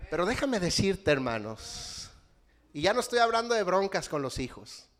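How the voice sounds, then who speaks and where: A middle-aged man with a Mexican accent preaching a sermon, animated and constantly addressing the congregation as brothers. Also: high voice, moderate pace. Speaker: pastor.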